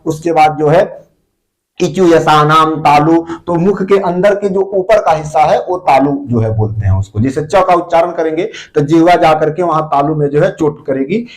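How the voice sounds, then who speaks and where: A man's voice: a little high, normal speed, darkish tone. A man teaching Sanskrit grammar for exam preparation, explaining patiently, repeating terms and sounding out syllables. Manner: frequent fillers. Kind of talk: exam-prep grammar lesson.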